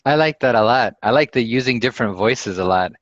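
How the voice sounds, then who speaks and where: A man's voice: medium pitch, expressive, brisk, fairly bright tone. A man moderating a casual online discussion, upbeat and encouraging, asking follow-up questions. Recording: dull, dry, lo-fi call audio.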